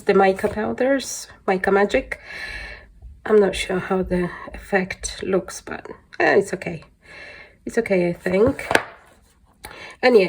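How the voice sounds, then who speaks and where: Stuffed up with flu, a woman shows off her colouring hobby in a casual vlog, talking in a rambling, slightly hesitant way. She has a medium pitch and a darkish tone, with a little hiss or hum in the audio.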